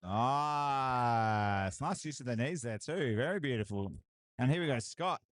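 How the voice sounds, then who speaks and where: A man's voice: medium pitch, a little slow, dry recording. Aussie guy calling a strongman comp live, hyped up, dry close sound. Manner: excitable hype, repeated cheers and laughs. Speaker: livestream commentator. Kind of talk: live strongman event commentary.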